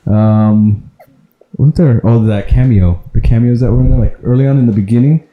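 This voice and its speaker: A man's voice: medium pitch, normal speed, roomy sound, phone-quality sound. A man co-hosting a podcast, chatting casually about movies, laughing often and trailing off mid-sentence. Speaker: podcast co-host.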